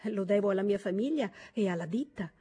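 A woman's voice: medium pitch, animated, unhurried, dark tone, breathy edge. A woman voicing an eager, earnest young girl of a merchant family in an audiobook reading. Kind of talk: audiobook character voice.

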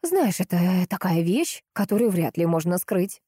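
A woman reading aloud plays a composed young sister-in-law with a steady, lightly mocking manner. The tone is mellow and warm, recorded close and dry for an audiobook. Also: lowish voice, unhurried, breathy edge, dry recording, heavily acted. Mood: calm. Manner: even, calm, faintly mocking.

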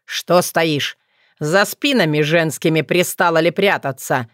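An arrogant, cruel sorcerer from a storybook, voiced by a woman narrator. He taunts his foes in a slow, sneering manner. The voice sits fairly low and the sound is dry and close. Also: a bit bright, dry recording. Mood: mocking.

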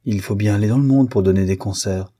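A man voicing a kind, resigned young man in a storybook reading, speaking sadly and gently. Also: fairly low pitch, quick pace, breathy edge, no room sound, clean studio sound. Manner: sad, gentle.

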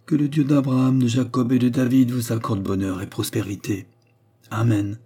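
A man reading a calm, solemn old mystic. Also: mid-range voice, moderate pace, husky. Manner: calm, grave, blessing tone.

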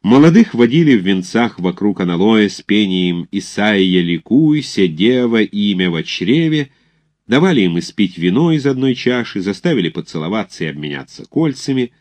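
Deep, expressive male audiobook narrator. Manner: expressive, theatrical reading.

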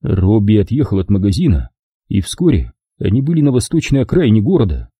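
A man reading an audiobook aloud with lively storytelling narration. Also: fairly low pitch, fairly quick, slightly rough, dry recording. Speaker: audiobook reader. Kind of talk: scripted narration.

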